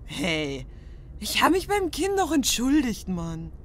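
A cheeky, stubborn pony princess acted by a woman in a fan audio drama, high-voiced and swinging widely in pitch. She slurs and argues at a slow drawl, with some noise in the recording. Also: huge pitch swings, exaggerated voice. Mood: tipsy, defiant. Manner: slurring, drawling, argumentative.

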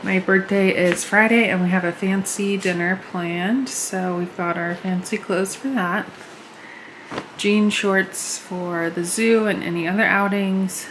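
A woman's voice: medium pitch, steady tone, a little slow, background noise. A woman in her thirties chatting casually at home as she lists what she is packing for a trip, a bit short of breath from a flu. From United States. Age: 30s. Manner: chatty, lists items as she shows them. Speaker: vlogger. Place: home living room, indoors.

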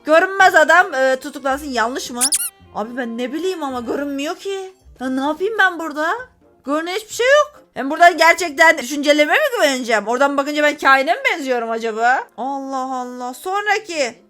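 A woman doing let's-play commentary on a game, excitable and often exasperated, talking straight to her viewers. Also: high voice, brisk, faint music behind. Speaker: gaming YouTuber.

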